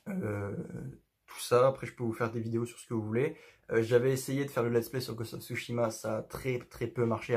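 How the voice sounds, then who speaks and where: A man's voice: lowish voice, a little mellow. A young man talking casually to camera in his bedroom, rambling with lots of fillers and restarts. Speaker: youtuber.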